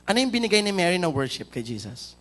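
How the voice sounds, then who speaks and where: A Filipino pastor talks fast in a high, sing-song, slightly bright voice. He tells a story during his church sermon, questions the congregation, and mixes Tagalog with English.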